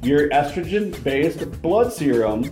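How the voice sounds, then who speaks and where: A man's voice: a little high, slow, soft background music. Guy retelling a movie scene by scene, does the lines himself, echoey room. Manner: animated retelling, acts out quotes. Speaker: podcast co-host. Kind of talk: casual movie review chat. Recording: roomy echo.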